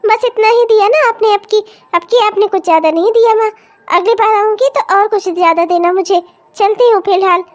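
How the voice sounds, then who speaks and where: Greedy, wheedling cartoon daughter. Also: female voice, very high voice, brisk. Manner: demanding, wheedling. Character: greedy younger married daughter. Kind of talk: cartoon comedy voice acting.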